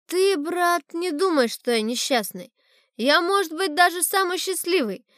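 A rambling old sailor speaks in a confiding, wistful way, as a woman reads him from a storybook. The voice sits high and swoops widely as it drifts along at a slow pace. The recording is dry and close. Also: animated, a bit bright, no echo, full character voice. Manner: rambling, confiding, calls the boy "brother". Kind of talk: storybook reading.

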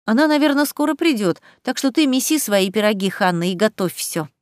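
A kind, motherly eldest sister from a storybook, as a woman reader puts her on, her voice raised above the narration. She speaks warmly and reassures. The voice is dry and close. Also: fairly high pitch, expressive, a little fast, dry recording, lightly acted.

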